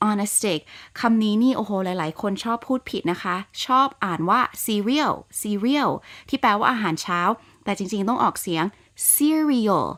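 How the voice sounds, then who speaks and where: A woman with a Thai accent hosting a podcast, speaking politely and encouragingly, and saying English words slowly and carefully. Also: medium pitch, fairly bright tone. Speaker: podcast host. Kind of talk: scripted podcast talk.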